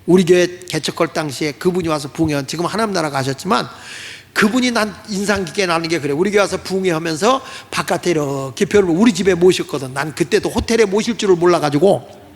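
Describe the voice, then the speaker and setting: Male pastor, storytelling sermon, raspy fry in a high voice, long hall echo. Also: quick pace. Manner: animated, acts out quoted voices.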